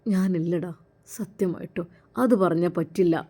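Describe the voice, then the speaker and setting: A woman voicing a heartbroken young man who speaks softly and gives in quietly. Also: lowish voice, moderate pace, close to an everyday voice. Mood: resigned.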